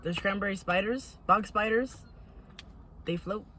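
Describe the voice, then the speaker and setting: A woman's voice: medium pitch, a little slow, sharp tone, slight background noise, rough recording. A young woman co-hosting a podcast, casually and bluntly retelling things she saw online. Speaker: podcast co-host. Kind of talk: casual chat.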